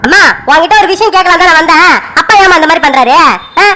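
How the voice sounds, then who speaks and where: A woman's voice: very high voice, fast talker, bright, forceful tone, slight background noise. A woman voicing an upset young man who complains to his mother and keeps repeating himself in a village family cartoon. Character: young man, upset son, insistent and frustrated. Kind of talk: animated cartoon serial voice.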